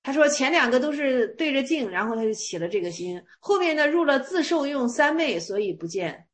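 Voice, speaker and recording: Woman teacher, high voice, casual chatty lecture, rhetorical questions, retells old stories plainly. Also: very animated, a little fast.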